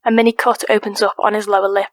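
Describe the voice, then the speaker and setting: A woman narrating an audiobook crime drama in a steady, even reading voice. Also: mid-range voice, fast, dry recording. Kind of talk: scripted narration.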